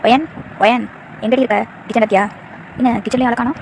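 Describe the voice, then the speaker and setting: A woman's voice: on the high side, fairly even intonation, fast talker, darkish tone, a little hiss or hum, natural voice. A woman voicing a devoted, protective young husband who speaks earnestly. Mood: tender. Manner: earnest, firm in defense of his wife.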